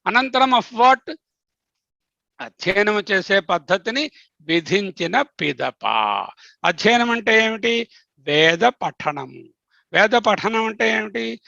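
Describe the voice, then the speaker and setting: A man's voice: high voice, animated, slow pace, creaky, long pauses, pushed and bright, no room sound. A man teaching a scripture lesson, asking himself questions and answering them, mixing in English words. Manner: mixes English words into explanations. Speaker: teacher leading a study session. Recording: dull lo-fi sound.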